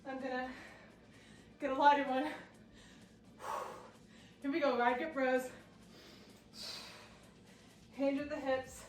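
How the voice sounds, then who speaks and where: A woman's voice: sits high, flat delivery, takes it slowly, pauses often, noisy background. A woman fitness coach leading a workout while doing it herself, out of breath and encouraging. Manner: encouraging, breathless between exercises. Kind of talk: workout instruction. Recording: roomy sound from a distance.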